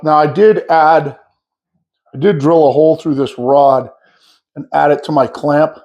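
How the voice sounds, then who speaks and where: A man's voice: medium pitch, warm tone. A man giving a casual workshop demo of his sharpening setup, explaining step by step in a plain-spoken way. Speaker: sawmill owner showing his setup. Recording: echoey, mics off.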